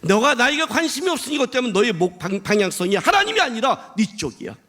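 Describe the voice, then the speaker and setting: God as a pleading, insistent father figure, put on by a preacher, high and swooping. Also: big pitch swings, fast, pushed and bright, exaggerated voice. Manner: earnest, rising and emphatic. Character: God gently pleading with a prophet.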